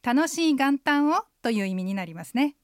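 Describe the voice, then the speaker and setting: A woman leads a radio language lesson in a clear, explanatory way. She models words slowly and carefully. Her voice sits a little high, and the studio sound is very dry. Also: expressive, no room sound. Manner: clear explanatory teaching, slow model pronunciation. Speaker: Chinese language teacher.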